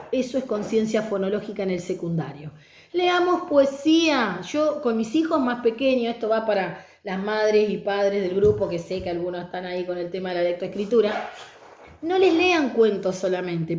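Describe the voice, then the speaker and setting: A woman's voice: fairly high pitch, a little mellow, reverberant. A middle-aged woman teacher giving a conversational online lecture on reading pedagogy.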